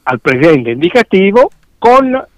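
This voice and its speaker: A man's voice: high voice, very animated, measured pace, no room sound, dull audio. A man with a Sicilian accent teaching a dialect lesson on radio, explaining rules didactically and repeating examples. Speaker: language teacher.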